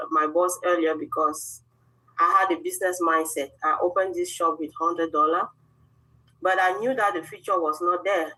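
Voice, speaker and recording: A middle-aged woman from Cameroon tells her story over a video call in an earnest, measured way. Her voice sits fairly low yet sounds bright and forceful. She lets pauses carry the weight of each step. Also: low-quality recording. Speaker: guest speaker. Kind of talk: personal testimony on a video call.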